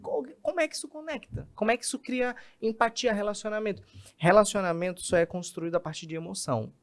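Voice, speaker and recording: A man, a communication specialist, explaining in an animated podcast interview and acting out examples. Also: high-pitched, fast. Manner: animated, acts out examples in quoted voices.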